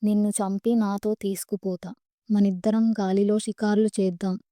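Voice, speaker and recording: A woman's voice: medium pitch, flat delivery, moderate pace, warm tone, no echo, clean studio sound, close to an everyday voice. A woman voicing a burned, mad female ghost who taunts her victim with menace in a dramatized horror story. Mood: taunting.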